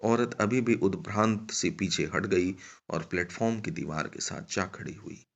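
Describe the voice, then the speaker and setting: A man reads a short story aloud in a measured, dramatic way. His voice is very low and gravelly with plenty of fry. The sound is dull and lo-fi, like a muffled home recording. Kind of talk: scripted story narration.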